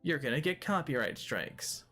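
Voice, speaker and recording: Man of ordinary pitch hosting a let's play; loose, joking commentary that chats with game characters. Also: very animated, normal speed, bright, forceful tone. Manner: jokey, rambling, talks to game characters. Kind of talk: casual gameplay commentary.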